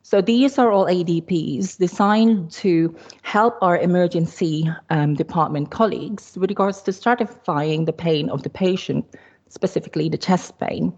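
Filipino lady nurse, low voice, lots of ums, muffled lo-fi audio. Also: moderate pace, a little mellow, breathy edge. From Philippines. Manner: explanatory, hesitant with frequent ums. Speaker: cardiology nurse presenter. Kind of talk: podcast discussion presentation. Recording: dull lo-fi audio.

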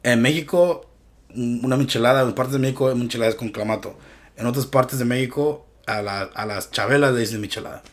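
A podcast host from Michoacán, Mexico, talks fairly quickly in a mid-range voice. It's a casual chat packed with slang and profanity, and he laughs easily.

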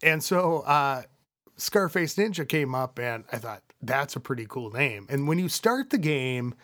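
A man's voice: mid-range voice, big pitch swings, a little slow, a bit bright, no room sound, clean studio sound. A man hosting a casual podcast, rambling with lots of fillers and restarts. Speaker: podcast host.

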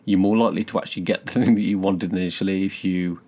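A man's voice: low voice, steady tone, quick pace, warm tone. A man of thirty co-hosting a casual podcast, easygoing and thoughtful, often restarting his sentences. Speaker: podcast co-host.

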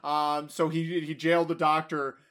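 A man's voice: fairly high pitch, level tone, moderate pace, a bit bright. A man co-hosting a casual history podcast, bantering with mock outrage and jokes. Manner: joking, mock-indignant banter. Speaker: podcast co-host.

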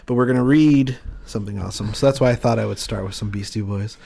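A man's voice: fairly low pitch, quick pace, gravelly, mellow, slight background noise. A man co-hosting a comedy podcast in casual chat, goofy and jokey. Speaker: podcast co-host.

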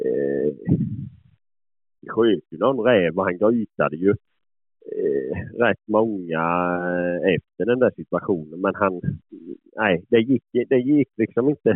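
A man with a fairly low voice tells rambling hunting stories about his dog in a casual way, swearing freely and chuckling along. The sound is thin and phone-like. It is dry and close, with no room echo. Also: lively intonation, slightly rough. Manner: rambling, swears often, chuckles while telling. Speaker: dog owner and hunter. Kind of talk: casual storytelling.

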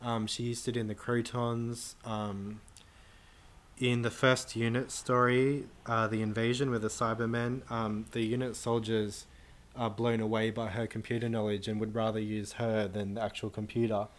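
A man's voice: fairly low pitch, little pitch movement, moderate pace. A man speaking as a podcast guest, knowledgeable and matter-of-fact in casual chat.

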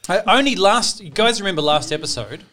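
A man's voice: high voice, very animated, fairly quick, heavy background noise. Upbeat New Zealand man hosting. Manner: upbeat, joking, runs the agenda. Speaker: podcast host, children's pastor. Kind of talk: casual podcast chat.

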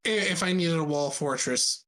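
Joking podcast co-host, halting speech. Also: mid-range voice, fairly bright tone. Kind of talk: casual chat.

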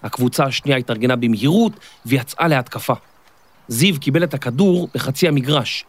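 A man narrating a scripted children's story in a clear, expressive storytelling manner. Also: medium pitch. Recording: dry studio, faint music.

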